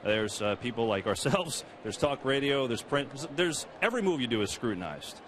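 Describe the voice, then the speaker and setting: A man's voice: mid-range voice, expressive, moderate pace, a bit bright, slight background noise. A man working as a sideline reporter, doing a live interview during a game with informal, wordy questions. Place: outdoors at a ballpark during a game. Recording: clear ballpark ambience behind.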